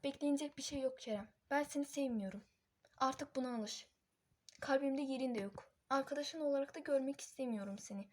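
A woman's voice: high-pitched, brisk, darkish tone, lightly acted. A woman voicing a young woman who curtly tells a friend she is leaving, in a doll-series drama. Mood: cold. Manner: curt, dismissive.

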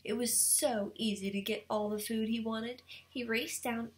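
A woman's voice: on the high side, a little slow, a little hiss or hum, low-quality recording. A woman teacher reading a storybook aloud to students and explaining the lesson. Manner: expressive, explaining.

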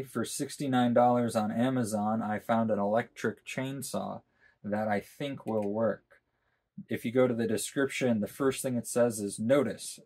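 A young man in his twenties hosting a gun channel, narrating a workshop project in a dry, deadpan comic voice. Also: fairly low pitch, husky. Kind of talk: deadpan comedic vlog narration. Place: workshop and backyard.

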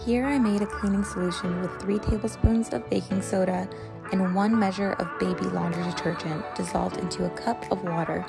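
A woman's voice: mid-range voice, fairly even intonation, normal speed, gravelly. A young woman in late pregnancy, chatting casually as she shows items one by one in a vlog. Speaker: vlogger. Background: background music.

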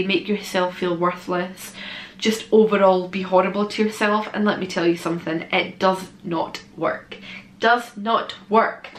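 A woman around thirty chats to camera like a self-help influencer, encouraging, sweary and jokey. Her voice sits at an ordinary pitch for a woman. The bedroom sounds roomy and echoey, with noticeable background noise. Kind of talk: casual self-help vlog chat. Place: small bedroom, indoors.

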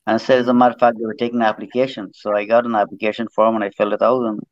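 This middle-aged man from Trinidad, who grew up in Guyana and once rode as a jockey, tells his story at length and informally as a video-call guest, frequently repeating words. His voice is medium-pitched with no room sound, and the call audio is slightly dull.

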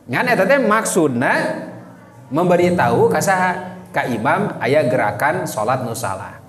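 A male religious teacher with a Sundanese accent delivers a lecture in a high, swooping voice that rises and falls. He keeps throwing questions at his listeners. His voice rings with long reverb through a mosque hall. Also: measured pace. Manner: animated, quizzes listeners with questions. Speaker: Islamic teacher.

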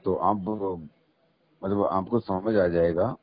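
Low-voiced man rattling on over a phone line. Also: steady tone, rapid-fire, husky. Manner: earnest, formal religious vocabulary, long explanations. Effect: heard over a phone line. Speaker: online video maker taking a call. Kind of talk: casual phone conversation. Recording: muffled phone call recording.

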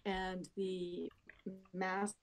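A woman's voice: on the low side, flat delivery, extremely slow, faint music behind. An older woman, a club member, recommending a book on a video call in a chatty, hesitant way.

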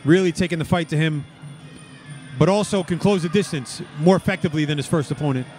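A man with a raised, fairly high pitch gives live fight commentary and analysis. There is faint music behind him. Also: fast, darkish tone.

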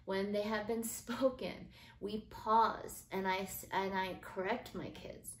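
A middle-aged woman hosting a podcast, talking in a casual, earnest and gentle way about parenting and faith. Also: medium pitch, fairly even intonation, slow, slight background noise. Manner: earnest, gentle, uses fillers like um. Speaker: podcast host. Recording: echoey room with faint ambience.

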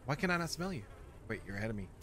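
A young man hosting a gaming video, talking casually and excitably as he plays and reacts. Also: medium pitch, racing, a little hiss or hum. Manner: excitable, jokey, exclaims often. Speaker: gaming channel host. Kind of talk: let's play commentary.

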